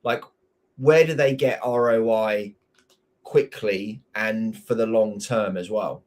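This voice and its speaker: A man's voice: fairly low pitch, fairly even intonation, slow, darkish tone. A man hosting an interview, asking questions and sharing anecdotes in a chatty, conversational way. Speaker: host.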